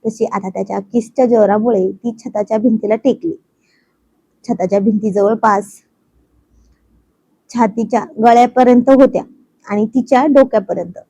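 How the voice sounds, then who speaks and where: A woman narrating a romantic serial story in a steady, linking storytelling manner. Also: medium pitch, slightly rough, no echo, poor audio.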